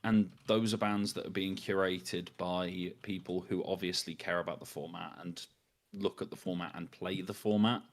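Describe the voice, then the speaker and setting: A man's voice: deep voice, steady tone, normal speed. A man co-hosting a live stream, speaking casually and bluntly with some swearing. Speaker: livestream co-host.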